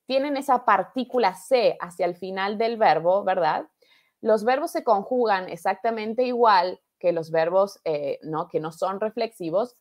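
A woman from Argentina with an Argentine accent, teaching a live online Spanish class in a patient, encouraging way that keeps checking in with the viewers. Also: medium pitch. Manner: patient, encouraging, repeats and asks "¿verdad?". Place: home studio, live stream.

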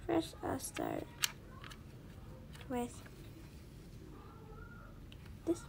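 High, lively voice narrating doll play. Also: female voice, drawn-out words, gravelly, background noise. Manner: rambling, shrugging things off with "whatever". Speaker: video creator.

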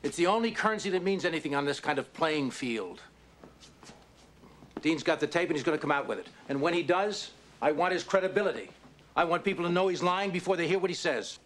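A man's voice: fairly high pitch, animated, brisk, a bit bright, a little hiss or hum. An actor playing a ruthless, middle-aged male intelligence official in a film, cold and driven. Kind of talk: film dialogue.

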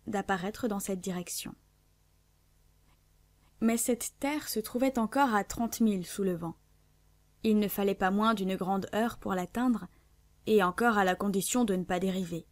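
A woman reads a classic adventure novel aloud as an audiobook narrator. Her delivery is measured and clear, pitched in an ordinary middle range. The sound is dry and close, with no room around it. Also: darkish tone, no room sound. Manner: measured, clear literary reading.

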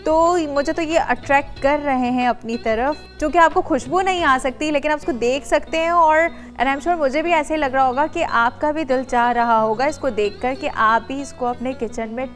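A woman in her thirties hosting a TV cooking show from a studio kitchen, chatty and talking straight to the viewers. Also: high-pitched. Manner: chatty, addresses viewers directly, many affirming hums. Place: bright studio kitchen set.

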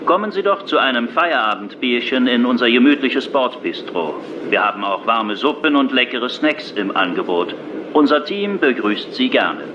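A man playing a polite train staff member making a formal loudspeaker announcement to passengers. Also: mid-range voice, very animated, moderate pace. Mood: announcing. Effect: onboard loudspeaker announcement. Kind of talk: public address announcement. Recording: muffled noisy loudspeaker sound.

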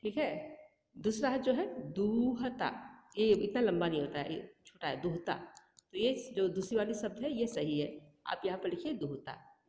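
A woman teaches a class through a workbook, speaking slowly and patiently and repeating each word. Her voice carries a long reverb, as if recorded in a bare, echoing room. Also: medium pitch, lively intonation, warm tone. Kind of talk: school lesson walkthrough.

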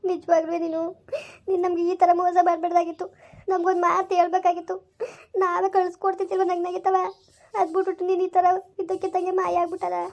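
A woman's voice: very high-pitched, completely flat delivery, quick pace, a little mellow. A woman acting a village mother who pleads with and scolds her soldier son. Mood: pleading. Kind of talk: village family drama acting.

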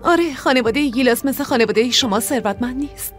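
A woman's voice: sits high, faint music behind, lightly acted. An actress dubbing a young woman who raises her siblings, scolding and urging her sister in earnest. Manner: pleading then scolding, earnest. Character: young woman raising her siblings, caring but firm. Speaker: older sister. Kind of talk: Persian dub of a TV drama.

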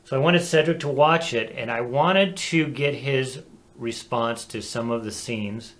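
A man co-hosting a casual talk show, animated and chatty, laughing easily. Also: mid-range voice, measured pace. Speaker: co-host. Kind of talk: casual chat.

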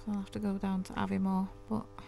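In a quick, monotone delivery, a woman in her thirties from the UK vlogs from her camper van, a bit stuffy with a sore throat. Her medium-pitched voice is gravelly and mellow as she chats, laughs often and coos at her dogs, with a little hiss or hum in the audio.

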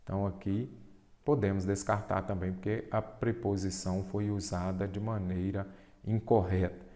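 A man's voice: sits low, level tone, normal speed, mellow, reverberant, big-room sound. A male teacher with a Brazilian Portuguese accent, explaining exam questions step by step and answering his own questions. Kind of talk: exam-prep lesson.

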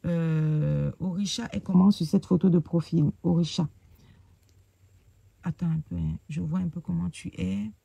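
A woman hosting a casual live stream, talking hesitantly and filling pauses with "euh" while she searches on her phone. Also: fairly low pitch, fairly even intonation, gravelly, dark tone, breathy edge, dry recording.

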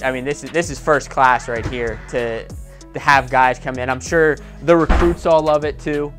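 A man's voice: mid-range voice, steady tone, moderate pace, over music. A man hosting a wrestling channel, eagerly asking a coach questions during a casual tour. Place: indoor college wrestling facility.

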